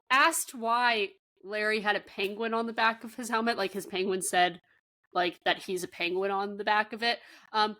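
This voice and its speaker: Brief: relaxed woman co-host, middle pitch, chatty and quick to laugh. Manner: easygoing, chatty, laughs often. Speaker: podcast co-host. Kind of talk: casual chat.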